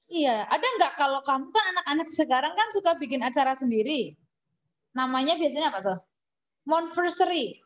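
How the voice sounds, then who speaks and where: Indonesian woman, English teacher, high voice, chatty and teasing, lo-fi sound. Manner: chatty, asks questions and answers them herself, laughs, teasing. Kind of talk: classroom lesson. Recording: dull lo-fi recording.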